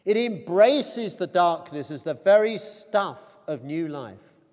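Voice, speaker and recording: Slow, high-voiced man preaching in a hall. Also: animated, darkish tone. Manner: measured, deliberate, rising on quoted cries. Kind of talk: sermon. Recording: long reverb of a church hall.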